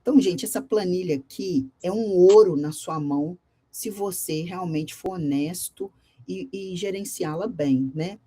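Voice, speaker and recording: A woman with a Brazilian Portuguese accent teaching a class, telling a story and questioning her students in a lively, direct way. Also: on the low side, unhurried, breathy edge.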